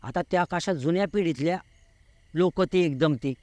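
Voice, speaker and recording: A man's voice: a little high, moderate pace, a little mellow, no echo. A man in his forties, a guest telling a true story in an interview, vivid and repeating words for effect.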